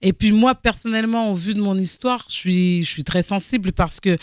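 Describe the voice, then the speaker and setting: A woman's voice: medium pitch, fairly quick, a little mellow, no room sound. A woman born in Haiti, speaking as a talk-show guest about her theatre work in a thoughtful way, often hesitating and repeating words. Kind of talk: reflective talk-show interview.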